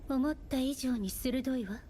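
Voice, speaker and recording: Actress as a haughty, high-voiced anime schemer. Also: female voice, a little fast, warm tone, a little hiss or hum, natural voice. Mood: cool, calculating. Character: composed, haughty, scheming woman in a fantasy game. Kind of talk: anime game voice acting. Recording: game music under the voice. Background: game music.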